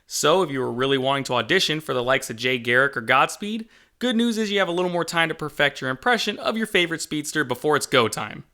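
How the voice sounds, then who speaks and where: A game developer hosting his channel narrates a scripted video in an upbeat, enthusiastic, jokey way. His voice is a little high, expressive, quick, pushed and bright.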